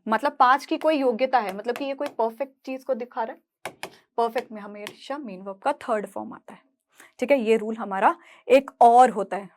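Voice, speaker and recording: A woman's voice: fairly high pitch, fairly bright tone. A young woman teacher explaining grammar step by step, often asking checking questions. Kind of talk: grammar lesson.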